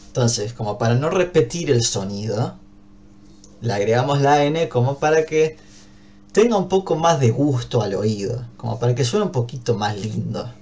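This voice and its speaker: Teaching English at a moderate pace, this man speaks with a medium pitch, a darkish tone and an Argentine Spanish accent. Patient in his explanations, he frequently checks comprehension with "¿bien?".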